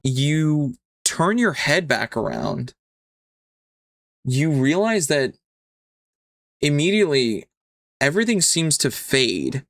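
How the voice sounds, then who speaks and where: A man narrating as game master, describing scenes slowly with some ums. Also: a little high, sing-song, no room sound.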